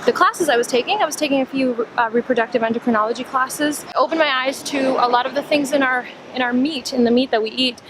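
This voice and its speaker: A woman's voice: sits high, quick pace, few pauses, background noise. A young woman from Cuba, chatty and upbeat, talking through a casual travel vlog outdoors in a beach town. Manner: chatty, upbeat, many fillers. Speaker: vlogger.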